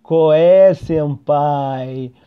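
A man voicing a teasing teenage girl, reading her lines slowly in his own voice. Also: sits high, faint music behind. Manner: slow, read-out dialogue. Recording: dull lo-fi audio.

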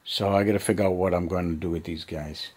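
An American man in his fifties, a hobby vlogger, mutters his thoughts aloud in short, unscripted bursts while chatting casually to camera in a basement hobby room. The handheld camera, near arm's length, catches a low-pitched, steady, fast voice that's a little mellow with a breathy edge.

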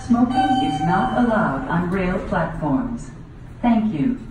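A woman giving a slow, polite recorded transit announcement over a loudspeaker after a chime, in a station. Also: lowish voice, big pitch swings. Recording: echoey loudspeaker from far off, loud music.

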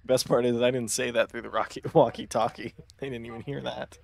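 Brief: male gamer, mid pitch, gravelly, crude laid-back humor. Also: flat delivery, a little fast, darkish tone. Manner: joking, profane, laid-back. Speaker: gamer playing with friends. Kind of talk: casual gaming chat.

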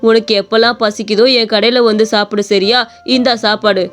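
A woman voicing a gentle, kindly old man who runs a small appam shop, with a soft, fatherly, consoling way of talking. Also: medium pitch, fairly even intonation, a little fast, faint music behind, natural voice. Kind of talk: animated story voice acting.

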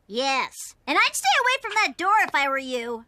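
A woman's voice: high voice, big pitch swings, moderate pace, bright, forceful tone, no echo, clean studio sound, full character voice. A woman voicing a wry, matter-of-fact know-it-all teenage hero.

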